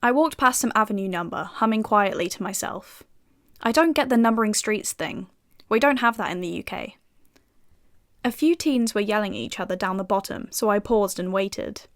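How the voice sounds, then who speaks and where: Wry british woman doing a young fbi agent telling her own story, dry jokes, middle pitch. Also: expressive, normal speed, close to an everyday voice. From United Kingdom. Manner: dry, sardonic asides. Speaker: narrator and lead character, an FBI agent. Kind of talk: first-person audio drama narration.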